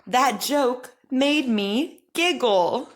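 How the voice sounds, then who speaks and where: Over-enunciating woman, high-pitched, slow and deliberate. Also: animated. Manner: encouraging. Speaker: speech articulation teacher. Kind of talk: articulation drill lesson, reading practice sentences.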